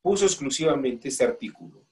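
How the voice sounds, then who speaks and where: A man's voice: medium pitch, lively intonation, brisk, a little mellow. A man with a Mexican accent teaching a law class, asking the students questions and coaxing volunteers to read aloud. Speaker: law course instructor. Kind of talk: classroom lecture.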